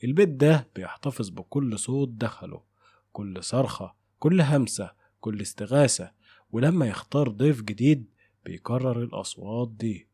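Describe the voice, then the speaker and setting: A man with an Egyptian Arabic accent voicing a calm, mysterious old male guardian of a haunted house who speaks quietly and steadily. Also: mid-range voice, moderate pace, creaky, husky, no room sound. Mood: ominous.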